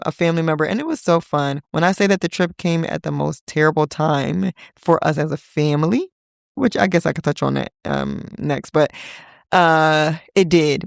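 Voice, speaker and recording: A woman in her thirties hosting a casual solo podcast, talking in a playful, chatty way with teasing asides and sudden high-pitched exclamations. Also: vocal fry, no room sound, clean studio sound. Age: 30s. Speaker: podcast host.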